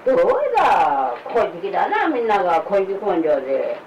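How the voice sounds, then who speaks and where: Querulous older woman, wildly swooping pitch. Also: very animated, fairly quick, a little mellow. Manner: querulous, scolding, repetitive. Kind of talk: agitated complaining in casual home talk. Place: indoor room at home. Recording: distant mic, faint background noise.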